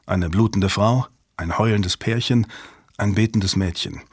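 Male audiobook narrator, measured thriller read, dry close mic. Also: fairly low pitch, breathy edge, no echo. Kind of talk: scripted narration.

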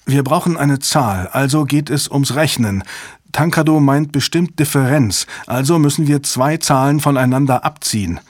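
A man's voice: mid-range voice, normal speed, dry recording, pitched above the performer's own voice, lightly acted. A man voicing a thoughtful female cryptographer who reasons aloud in an audiobook reading. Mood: decisive.

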